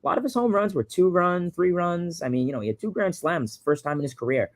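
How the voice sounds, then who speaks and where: Speaking quickly in a high-pitched voice, a Long Island man in his early twenties runs a casual livestream and fields viewer questions. He rambles, repeats himself, and fills his speech with fillers, all in a dry recording.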